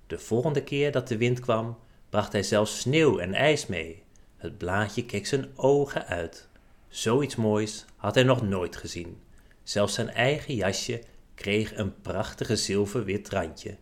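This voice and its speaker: Man, low voice, children's storybook narration, gentle, expressive.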